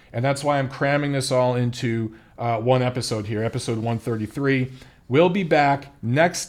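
Man, podcast host, casual boxing talk, blunt and cussing, mid-pitched voice. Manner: blunt, profane, exasperated ranting. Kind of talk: casual opinionated commentary.

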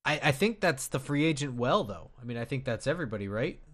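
A man co-hosting a casual sports podcast, measured and hedging, with many fillers and restarts. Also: medium pitch, expressive, a bit bright. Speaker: podcast co-host.

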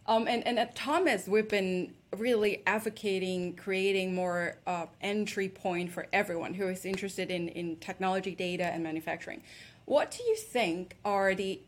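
A woman from Hong Kong hosting a business interview, conversational and repeating small words as she starts her points. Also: mid-range voice. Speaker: host.

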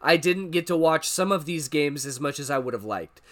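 A man's voice: on the high side, expressive, moderate pace, a bit bright. Young man, nasal, congested with a cold, podcast co-host, joking banter. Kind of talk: casual chat.

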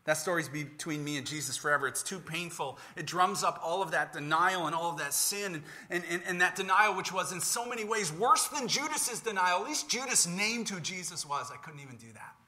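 A man preaching in the voice of a remorseful male apostle, retelling his denial haltingly and emotionally. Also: high-pitched, animated, bright, forceful tone, full character voice. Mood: pained. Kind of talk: dramatized scripture in sermon.

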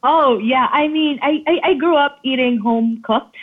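A woman from the Philippines chatting casually as a guest, halting with frequent restarts. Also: high voice, breathy edge. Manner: halting, warm, restarts often. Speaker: travel food vlogger guest. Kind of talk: casual chat. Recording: tinny phone-like line.

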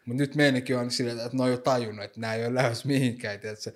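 A man's voice: mid-range voice, level tone. Young man, slangy and talkative, mixes English phrases into casual chat. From Finland. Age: young adult. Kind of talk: casual conversation.

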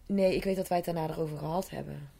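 A woman's voice: sits low, fairly even intonation, fast, vocal fry, mellow, husky. A woman, co-hosting a film podcast in giggly, teasing chat. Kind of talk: casual chat.

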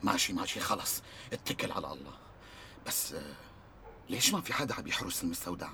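An anxious, pleading friend. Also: male voice, low-pitched, lively intonation, fast, vocal fry, pushed and bright, a little hiss or hum, full character voice. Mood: worried. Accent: Levantine Arabic. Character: nervous, reluctant friend dragged into arson.

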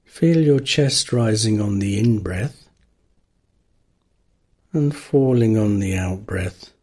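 A man narrating a guided meditation, giving calm, gentle instructions with long pauses. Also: fairly low pitch, slightly rough.

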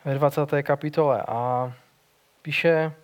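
A man with a slightly high voice delivers a sermon in an earnest, conversational manner. He retells a gospel story, often restarting his phrases and adding little fillers as he goes. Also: steady tone. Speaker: preacher.

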